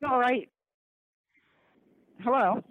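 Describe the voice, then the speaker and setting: A woman's voice: fairly high pitch, slow pace, dry recording. A woman heard over a phone line, stern and insistent, talking past whoever answers. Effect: recorded clips played down a phone line. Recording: tinny phone line, dry.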